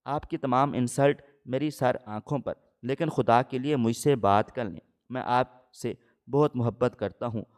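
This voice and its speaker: A man's voice: medium pitch, few pauses, darkish tone, natural voice. A man voicing a lovesick young man who pleads earnestly on the phone, in a storybook reading. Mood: pleading.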